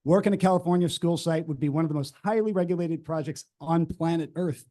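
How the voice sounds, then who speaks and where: A man's voice: on the high side, fast, dark tone. A man giving a firm prepared public comment at a school board meeting, speaking as a parent and engineer. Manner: firm, emphatic prepared statement.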